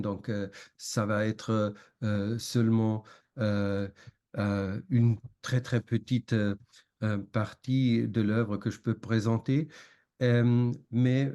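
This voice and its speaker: A man who is not a native speaker, giving an academic seminar talk with a foreign accent in a halting, hesitant way full of long fillers. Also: fairly low pitch, dark tone. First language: not French. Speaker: academic lecturer.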